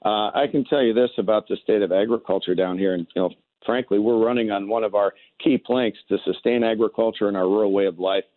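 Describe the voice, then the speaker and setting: Low American male candidate on phone line. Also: quick pace, dry recording. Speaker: political candidate, radio guest. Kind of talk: political interview answers by phone. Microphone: telephone. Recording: narrow tinny phone line.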